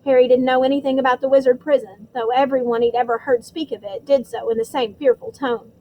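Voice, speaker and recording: High-voiced woman reading an audiobook. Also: fairly even intonation, quick pace, lo-fi sound, a little hiss or hum. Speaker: audiobook reader. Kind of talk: audiobook narration.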